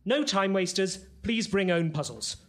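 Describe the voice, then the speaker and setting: A man's voice: high-pitched, unhurried. A man voicing a vain, pompous doctor sidekick in a comedy audio drama, boastful about himself.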